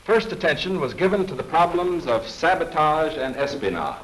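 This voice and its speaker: A man giving formal, measured 1940s government newsreel narration. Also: on the high side, lively intonation, low-quality recording. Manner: formal, measured, authoritative delivery. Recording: narration over clear background music.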